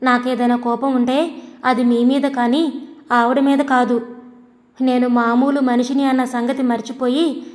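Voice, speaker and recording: A woman's voice: high voice, level tone, a little slow, pauses often. A woman voicing a grieving young husband who is stubborn and hot-tempered, in an audio story with a long hall reverb. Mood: sorrowful. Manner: forceful, shouting at times.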